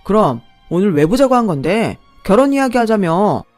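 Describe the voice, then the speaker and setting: A woman's voice: medium pitch, big pitch swings, normal speed, darkish tone, no echo, soft background music, voice pushed up, natural voice. Woman doing a whiny young boyfriend. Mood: irritated. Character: petty young man, mama's boy.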